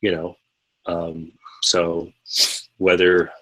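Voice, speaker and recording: A man's voice: low-pitched, monotone, drawn-out words, fairly bright tone, lo-fi sound. A man co-hosting a live podcast, talking politics in a rambling way with many fillers and restarts. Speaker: podcast co-host. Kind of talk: casual political discussion.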